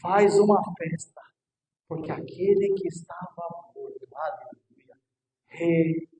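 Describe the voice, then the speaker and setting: A man preaching a sermon as pastor, swinging from loud, shouted declarations to hushed, quiet passages. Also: a little high, wildly swooping pitch, slow, gravelly, reverberant, background noise.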